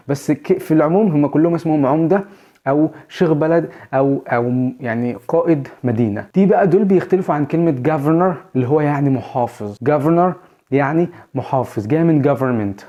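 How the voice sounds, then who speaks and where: A man's voice: mid-range voice, dark tone, muffled recording. A man with an Egyptian Arabic accent hosting a casual video lesson, chatty and repeating his points as he explains. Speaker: English teacher and channel host.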